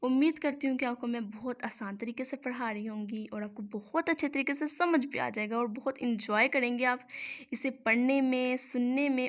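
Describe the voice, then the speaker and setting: A woman patiently teaching how to join Arabic letters, step by step, pausing often to check in. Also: fairly high pitch. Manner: patient, says "theek hai" between each step. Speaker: Quran teacher. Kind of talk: step-by-step writing lesson.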